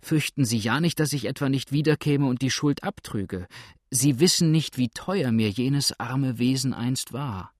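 A man's voice: medium pitch, a little slow, dry recording, clean studio sound, lightly acted. A man voicing an earnest young boatsman who pleads urgently and desperately. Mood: pleading.

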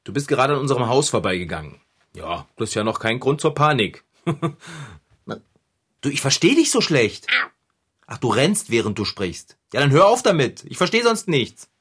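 An actor playing a good-natured, harried man who lives with a talking cat, in a children's audio play; chatty and easily puzzled, with a husky voice. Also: medium pitch, sing-song, normal speed, a bit bright. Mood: puzzled, phone call.

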